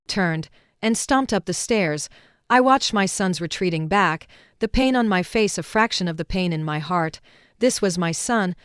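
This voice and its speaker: A woman reading a first-person story as a steady, even scripted narration. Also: medium pitch, clean tone, dry recording, studio quality.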